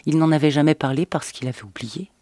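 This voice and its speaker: A man reading a novel aloud as narrator in an expressive, dramatic audiobook style. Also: fairly high pitch, fast talker, no echo, studio quality.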